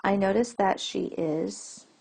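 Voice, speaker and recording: A woman's voice: mid-range voice, slow pace, creaky, warm tone, breathy edge. A woman teacher giving a recorded lesson to children, explaining patiently and asking the class questions as she goes.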